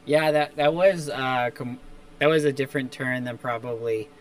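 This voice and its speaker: A man's voice: mid-range voice, moderate pace, smooth. A young man co-hosting a movie review chat, talking enthusiastically with emphatic asides. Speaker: movie review podcast co-host. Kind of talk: casual chat.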